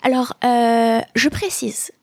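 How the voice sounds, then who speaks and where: Quick, chatty woman podcast host. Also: a little high, fairly even intonation, no room sound, studio quality. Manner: quick, chatty, with frequent hesitations. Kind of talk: casual podcast interview.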